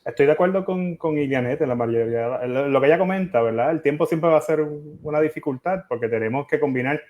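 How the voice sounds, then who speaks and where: A middle-aged man, a child psychiatrist, answering in a casual interview in a measured way. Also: fairly high pitch, phone-quality sound.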